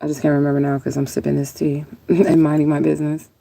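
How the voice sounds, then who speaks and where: Over a noisy background, a woman with a deep, creaky voice talks quickly in a level tone. She's chatting casually on a livestream, answering viewer comments in a rambling, laid-back, sometimes profane style.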